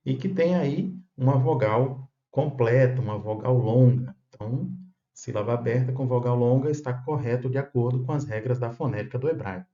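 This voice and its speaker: A Bible teacher gives an explanatory lesson on Hebrew phonetics, patient and methodical, checking in with listeners as he goes. His mid-range voice is dark in tone at normal speed. The recording sounds roomy and dull, with faint guitar music.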